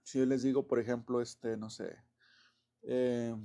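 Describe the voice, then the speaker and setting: Man, mellow voice, rambling teacher, lots of fillers and chuckles. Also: mid-range voice, little pitch movement, unhurried, creaky. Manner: loose and chatty, many fillers and self-corrections, chuckles often. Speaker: English teacher. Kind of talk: casual classroom explanation.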